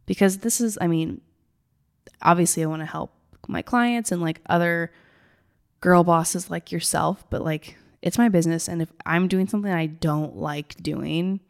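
A woman with a gravelly, tired morning voice, talking informally and ramblingly to listeners like a business coach. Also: fairly low pitch, normal speed. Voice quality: gravelly, raspy. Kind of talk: casual solo talk to listeners.

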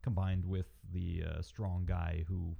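A man's voice: low voice, level tone, takes it slowly, vocal fry, lo-fi sound. A man co-hosting a casual chat, dropping wry, jokey asides. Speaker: podcast co-host.

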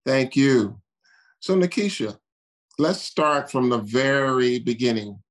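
A man's voice: medium pitch, takes it slowly. A man hosting an interview, asking questions with stumbling restarts. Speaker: podcast host, founder.

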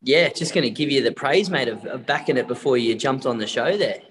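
A man's voice: mid-range voice, lively intonation, fairly quick, a bit bright, long reverb tail, slight background noise, poor audio. A man with an Australian accent hosting a racing tips show in casual, matey, slangy banter.

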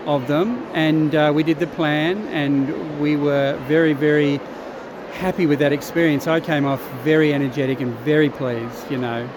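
A man giving casual interview answers as a chorus director, measured and pausing to gather his thoughts. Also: fairly high pitch, fairly even intonation. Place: busy convention venue. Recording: noisy venue recording with ambient hum.

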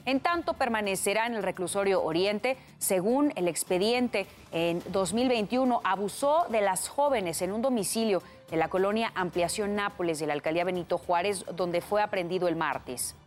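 Mexican woman anchor, medium pitch, formal scripted news read with a light music bed. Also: normal speed.

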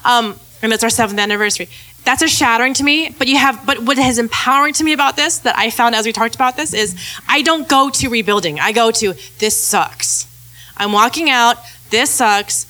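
A woman's voice: fairly high pitch, fast talker, bright, forceful tone. A woman co-hosting a talk show, telling personal stories in a candid, self-mocking way. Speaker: podcast co-host. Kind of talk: casual personal storytelling.

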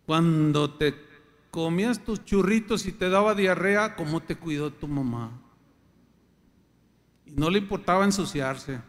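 A man's voice: fairly high pitch, unhurried, long pauses. An older man with a Mexican Spanish accent preaching a sermon as pastor, emphatic, sometimes acting out the voices he quotes. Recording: long hall reverb.

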